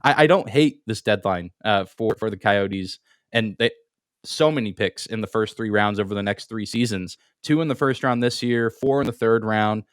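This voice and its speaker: A man's voice: fairly low pitch, normal speed, clean tone, no echo, studio quality. A man co-hosting a sports podcast in casual chat, often repeating his first words as he thinks aloud. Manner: repeats words at the start of phrases, hedging. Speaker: podcast co-host.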